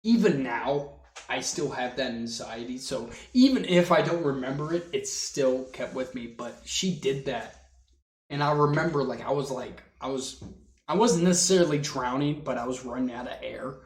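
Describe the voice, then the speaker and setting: A man's voice: mid-range voice, lively intonation, normal speed. A man hosting a podcast chat with friends, swearing a lot and joking crudely. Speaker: podcast host. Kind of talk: casual chat. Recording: echoey room with faint noise.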